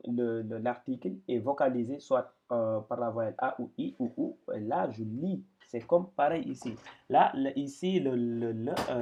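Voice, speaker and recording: A man's voice: medium pitch, gravelly, warm tone, lo-fi sound. A man teaching Quran reading in an explanatory lesson, patient and hesitant, often repeating words as he points things out.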